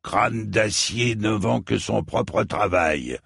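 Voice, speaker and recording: Man narrator as blunt proud armorer, gravelly, low and slow, storybook voice. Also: fairly bright tone, no echo, studio quality, heavily acted. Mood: gruff. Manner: gruff, blunt, matter-of-fact. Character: stocky proud bearded male armorer, blunt.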